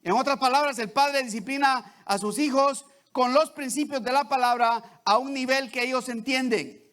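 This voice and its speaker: High-pitched guy preaching a sermon, keeps asking the church "right?". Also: normal speed, a bit bright. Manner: repeats "¿verdad?" and "¿sí?" to the congregation, with many restarts.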